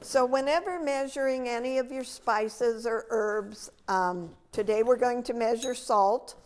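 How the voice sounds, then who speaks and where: A woman's voice: fairly high pitch, unhurried. An older woman giving a patient, step-by-step cooking demonstration in a large demo kitchen, filmed from a distance. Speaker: extension educator.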